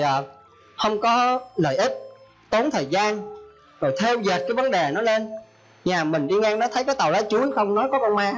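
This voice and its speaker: A man's voice: high-pitched, muffled recording. A male Buddhist monk giving a folksy sermon, often acting out the people he quotes. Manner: folksy, acts out quoted speech. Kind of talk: Dharma talk sermon.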